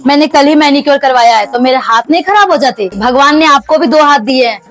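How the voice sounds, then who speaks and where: A woman voicing a sharp-tongued young bride who answers everyone with cheeky, sarcastic retorts. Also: sits high, fairly quick. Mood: defiant. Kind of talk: comedy family sketch.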